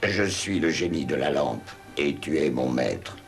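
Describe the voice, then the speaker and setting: A man's voice: very deep voice, expressive, a little slow, faint music behind, full character voice. An actor playing a solemn, servile male genie of the lamp in a dubbed film, speaking in formal commands. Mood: solemn, obedient.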